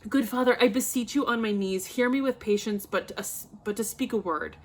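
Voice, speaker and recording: A woman's voice: fairly high pitch, fairly quick, close to an everyday voice. Woman reading a pleading young girl.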